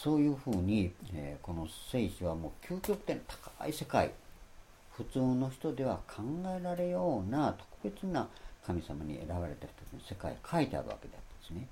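A man giving a Bible lecture in a rambling sermon style, stressing his points and loudly acting out the phrases he quotes. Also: lowish voice, a little hiss or hum. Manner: rambling, repeats himself. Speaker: Bible teacher.

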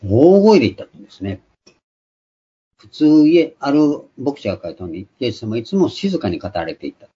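A man preaching a sermon, emphatic and shouting out quoted cries. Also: medium pitch, sing-song, normal speed, husky. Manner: emphatic, raises voice sharply for quoted exclamations. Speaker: pastor. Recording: dull lo-fi recording.

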